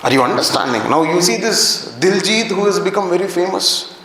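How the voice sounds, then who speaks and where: High-voiced Indian man lecturing in an echoey classroom. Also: animated, brisk. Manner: questioning the class, answering his own questions. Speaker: anthropology teacher. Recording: very echoey classroom, faint background noise.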